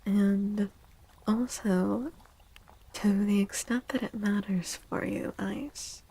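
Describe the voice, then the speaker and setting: Soft, calm and never rushed, a woman streaming an ASMR tarot reading speaks at medium pitch with pauses between her phrases. She often shifts into a breathy whisper, and the audio is rough.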